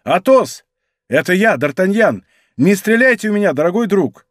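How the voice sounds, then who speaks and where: A man's voice: high voice, animated, moderate pace, no echo, clean studio sound, pitched above the performer's own voice. A man voicing a brash, hot-tempered young musketeer in an audiobook, exclaiming with fire. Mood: eager. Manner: fiery, exclaiming.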